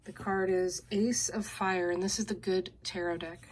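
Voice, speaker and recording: A woman giving a general card reading, explaining each card in a slow, gentle, explanatory way. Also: fairly low pitch, fairly even intonation. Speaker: card reader. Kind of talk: relaxed card-reading video.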